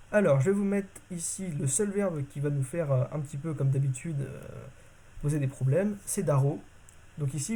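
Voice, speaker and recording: Teaching a constructed language in a laid-back video, a man speaks in a mellow, slightly rough voice on the high side. His talk is informal, filler-heavy, and marked by frequent self-corrections.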